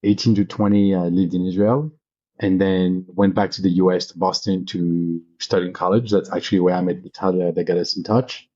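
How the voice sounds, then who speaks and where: Speaking a little fast in a low, darkish voice with little pitch movement, this man in his thirties from Paris shares personal anecdotes as an interview guest. He's a venture capitalist, and his talk is informal and enthusiastic. The audio is muffled, with no room sound.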